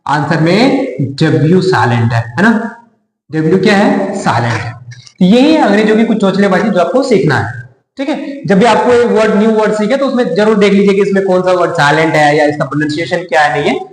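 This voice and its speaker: A man's voice: sits high, lively intonation, fairly quick. A man giving a casual spoken pronunciation lesson in a playful, chatty way, with teasing asides. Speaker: English pronunciation teacher. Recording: echoey room with long reverb.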